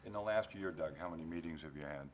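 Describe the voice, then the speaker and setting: A man's voice: deep voice, quick pace. A man on a town board asking blunt questions and weighing in during the discussion. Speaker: select board member. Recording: noisy meeting room recording.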